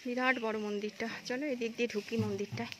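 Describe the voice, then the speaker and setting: A rather high-pitched woman with a Bengali accent talks casually to her viewers as if they were friends, filming herself on a phone. The audio is noisy, with clear background sound around her. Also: steady tone, fast talker. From India. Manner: chatty, addresses viewers as friends; speaks softly inside the temple. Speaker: vlogger. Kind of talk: casual vlog narration. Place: temple and home, partly outdoors.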